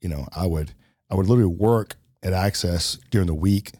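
Middle-aged guy musing on a podcast, low mellow voice, dry sound. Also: brisk, dry recording. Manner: reflective, many fillers and restarts. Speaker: podcast co-host. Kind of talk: casual conversation.

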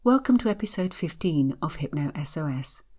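A woman hypnotherapist hosting a podcast, reading a scripted introduction with measured, gentle instructions. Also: deep voice, lively intonation, husky.

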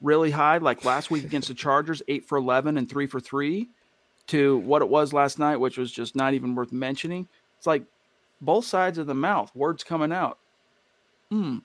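A man's voice: on the high side, moderate pace, fairly bright tone, no echo. American man hosting emphatic sports talk, dry sound. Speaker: sports livestream host. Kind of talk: casual sports talk and commentary.

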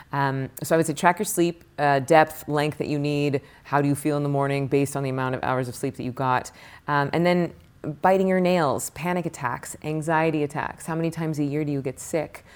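A woman meditation teacher and author answering interview questions, rattling off lists of questions in an animated way. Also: low voice, fairly quick, clean tone.

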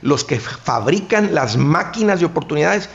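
A man's voice: a little high, moderate pace, vocal fry, highs cut off. A man, a finance guest giving advice in casual radio talk, acting out buyers and sellers. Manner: animated, acts out buyers and sellers.

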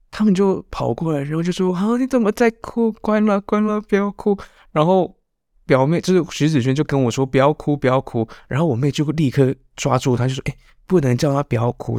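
A man's voice: medium pitch, darkish tone, no echo. Candid Taiwanese-accented man, dry close sound. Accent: Taiwanese Mandarin. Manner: candid, confessional, rambling with many restarts. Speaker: podcast host. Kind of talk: personal storytelling podcast.

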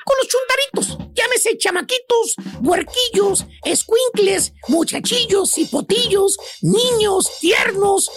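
Brief: shrill, creaky comic professor, teasing mock sermon for radio comedy. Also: male voice, takes it slowly, hardly any pauses, music in the background, full character voice. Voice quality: very high falsetto with creak. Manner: mock-sermon teasing, calls listeners "hijo mío".

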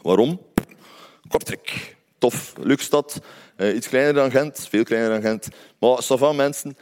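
A man's voice: mid-range voice, moderate pace, a little mellow, clean tone. A man from Ghent with a Flemish accent, telling a personal story in a conversational way with wry asides to his listeners. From Belgium, Ghent.

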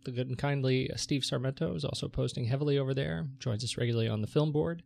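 Slightly creaky male podcast host, rambling. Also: medium pitch, quick pace, a little mellow. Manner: hesitant, rambling. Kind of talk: casual chat.

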